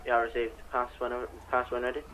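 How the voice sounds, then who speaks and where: A man speaks quickly as a police dispatcher in a role-play. He is clipped and procedural over the radio, with faint vehicle noise and sirens behind. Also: medium pitch, flat delivery, sharp tone, rough recording.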